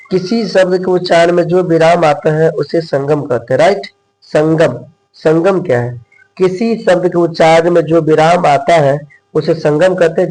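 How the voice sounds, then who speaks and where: A man's voice: a little high, darkish tone, low-quality recording. A young man teaching Hindi grammar in a coaching-class lecture. He repeats each point, quizzes his students and keeps calling them his dear brothers.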